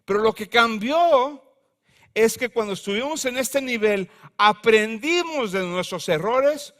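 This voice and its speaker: A pastor preaching a conversational sermon with humor and slang. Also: male voice, extremely high pitch, expressive, a little slow, fairly bright tone.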